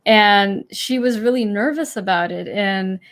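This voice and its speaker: A middle-aged woman co-hosting a spiritual self-help podcast, speaking softly and hesitantly with many ums. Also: mid-range voice, measured pace. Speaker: podcast co-host.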